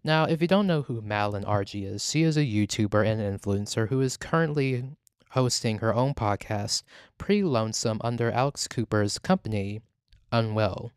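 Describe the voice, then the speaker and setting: A man hosting a casual gossip podcast, rambling and halting, with "like" peppered through his sentences. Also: fairly low pitch, lively intonation, clean tone, no echo, clean studio sound. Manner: rambling, halting, heavy use of "like". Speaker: podcast host. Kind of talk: casual celebrity gossip talk.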